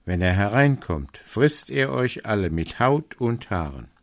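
A man's voice: fairly low pitch, very animated, a little slow. A man voicing a caring mother goat in a fairy tale, warning in an earnest way.

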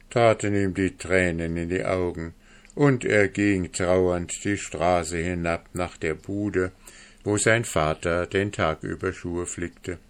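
A male storyteller reads a fairy tale aloud at a very slow, measured pace. His voice sits low and calm. He keeps an unhurried read-aloud delivery throughout.

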